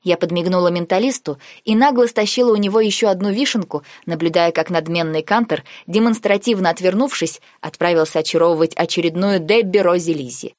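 Woman narrator, low voice, dead-dry close mic, measured first-person fantasy read. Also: darkish tone, no echo. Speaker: audiobook narrator.

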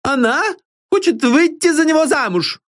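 A man's voice: extremely high pitch, expressive, moderate pace, a bit bright, pitched above the performer's own voice. A man reading an audiobook and voicing an old female servant who is devoted, blunt and folksy, full of pious exclamations. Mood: protective.

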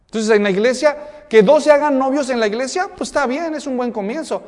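High-voiced pastor in a reverberant hall. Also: male voice, brisk, darkish tone. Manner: conversational, full of rhetorical questions and humorous anecdotes. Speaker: pastor giving a conference talk to parents. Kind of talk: church conference talk. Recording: long reverb of a large hall.

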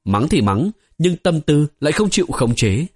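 Husky male storyteller, lively pitch. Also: normal speed. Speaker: audiobook narrator. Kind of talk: scripted narration.

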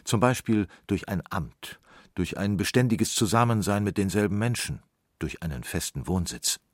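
A man reading a philosophical text in a calm, reflective manner. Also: fairly low pitch, moderate pace, dry recording, clean studio sound. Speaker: reader.

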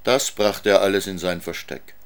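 A man reading a children's story aloud in a calm, measured way. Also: low-pitched, vocal fry, clean tone.

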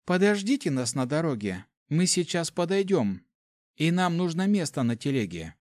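Guy doing a young woman's voice, soft and even, kinda lifted up, steady. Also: a little high, no room sound, clean studio sound, pitched above the performer's own voice. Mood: firm. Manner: soft, measured. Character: calm young woman mage, quiet and firm. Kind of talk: audiobook character voice.

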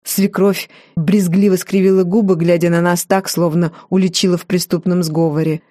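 A woman narrates a novel in the first person, measured and wry. Her tone is warm and mellow, recorded close and dry with no room sound. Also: fairly low pitch, flat delivery, no echo. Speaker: audiobook reader.

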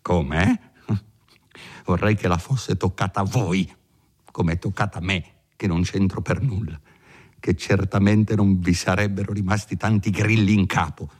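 A man's voice: low-pitched, fairly even intonation, measured pace, a little mellow. A man voicing a timid, anxious elderly village priest who pleads and frets, sometimes falling to a whisper. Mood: aggrieved scolding. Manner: pleading, fretful, drops to whispers.

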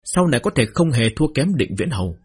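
A man's voice: mid-range voice, big pitch swings, fast talker, slightly rough, soft background music. A man doing a mild, courteous old court official. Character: genial elderly male high court official.

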